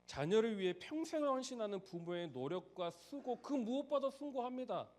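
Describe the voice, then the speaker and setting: A pastor preaching with a high, lively voice that swings widely in pitch. He moves from loud, pressing emphasis to quiet, hushed asides as he speaks to the congregation. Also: moderate pace. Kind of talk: sermon.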